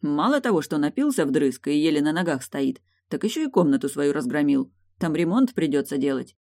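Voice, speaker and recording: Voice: mid-range voice, very animated, brisk, a little mellow. A single reader voicing a tired husband, exasperated and fed up with his brother, in audiobook style.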